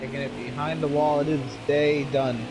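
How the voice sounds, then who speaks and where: A man's voice: mid-range voice, steady tone, moderate pace. A man giving live play-by-play commentary on a car race. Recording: engine noise behind voice. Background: race car engines.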